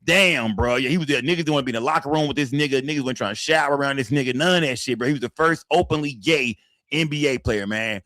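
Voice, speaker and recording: This fortysomething man talks fast through a casual live-stream chat, reading comments aloud, swearing freely and looping phrases with words like "man" and "fam." He has a bright, forceful tone at a middle male pitch. The sound is close and completely dry, with no room sound.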